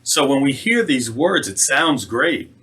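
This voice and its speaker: A man, a reverend, giving a conversational sermon and slowing down on key phrases. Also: mid-range voice, very animated, pushed and bright, husky. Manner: conversational, slows for emphasis.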